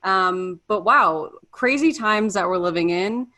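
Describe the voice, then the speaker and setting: A woman's voice: medium pitch, a little slow. Giggly woman hosting a panel. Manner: warm, giggly, upbeat. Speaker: panel host. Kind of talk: casual video-call hosting. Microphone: video call.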